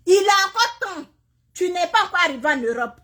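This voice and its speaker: Her voice is high, fairly bright and sing-song, and she speaks a little fast as she scolds other mothers on a phone video in Canada. In this impassioned appeal to camera, she tells of her migration while preachily repeating reproachful questions.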